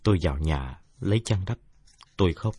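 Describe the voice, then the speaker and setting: Low husky guy reading an audiobook, calm and reflective, lots of rise and fall, dead dry sound. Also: fairly quick, no room sound. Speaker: narrator. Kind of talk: audiobook narration.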